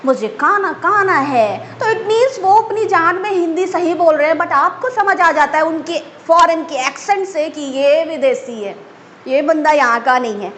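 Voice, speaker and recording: A woman teacher giving a spoken English lesson, slowly drawing out English words to demonstrate them. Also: very high-pitched, a bit bright. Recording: echoey room with faint background noise.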